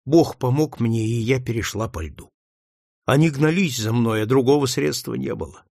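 A man's voice: mid-range voice, normal speed, creaky, darkish tone, dry recording, clean studio sound. A man reading the part of a fearful young runaway woman, who answers meekly and desperately. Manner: meek, desperate.

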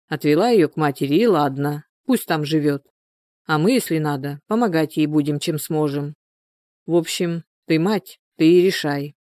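A woman's voice: deep voice, mellow, no echo, clean studio sound, lightly acted. A woman voicing a weary village husband who speaks bluntly and lays down his terms.

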